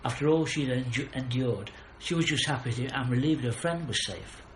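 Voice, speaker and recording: Narrating his own children's audiobook with dramatic flair, the author speaks at normal speed in a mid-range voice. It was recorded in a roomy space where faint background noise can be heard.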